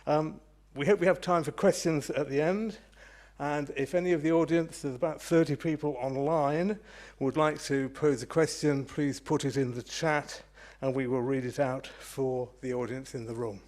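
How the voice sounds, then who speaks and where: A man hosts a lecture evening and introduces the guest speaker. He speaks in a measured way, with a few fillers along the way. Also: a little high, steady tone, a little mellow. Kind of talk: event introduction.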